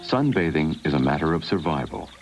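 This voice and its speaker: Deep-voiced documentary narrator on worn tape. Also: male voice, big pitch swings, a little fast, gravelly, loud music behind the voice. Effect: worn VHS tape copy. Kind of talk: scripted wildlife documentary narration. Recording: hissy worn VHS tape dub.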